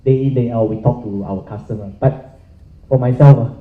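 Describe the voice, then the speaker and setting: A man's voice: medium pitch, moderate pace. A middle-aged man from Singapore, speaking frankly and earnestly as a panelist in a discussion. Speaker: panelist in financial services. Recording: echoey room, tinny phone-like sound.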